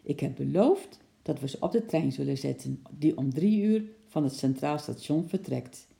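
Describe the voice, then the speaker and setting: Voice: medium pitch, lively intonation, moderate pace, gravelly, dark tone. A reader voicing a cheerful father in a storybook, glad and matter-of-fact. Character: cheerful father running a zoo. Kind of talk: storybook reading.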